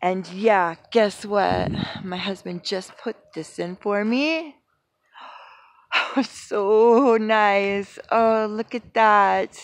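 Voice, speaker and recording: Slow-talking woman in her late forties. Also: mid-range voice, steady tone, low-quality recording. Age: late 40s. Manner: chatty and rambling, with frequent laughs and fillers. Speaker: vlogger touring her horse barn. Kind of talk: casual walk-and-talk vlog. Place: outdoors and in a barn on a farm. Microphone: phone held at arm's length.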